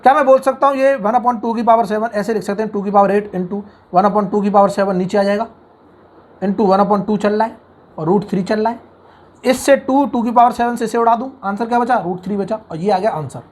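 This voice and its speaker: A man teaching engineering mathematics in an online lecture, coaxing the class with constant questions and acting out imagined student objections. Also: sits high. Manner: brisk, coaxing teacher who asks the class questions and answers them.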